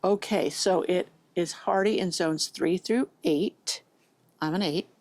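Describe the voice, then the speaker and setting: A woman's voice: fairly low pitch, slow pace, darkish tone, no echo. A woman with braces that slur her S sounds, chatting casually and thinking aloud to viewers as a gardening vlogger. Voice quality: slurred, lisping S sounds from braces. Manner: informal, thinking aloud, addressing viewers directly. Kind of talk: casual rambling vlog chat, sometimes reading plant details aloud.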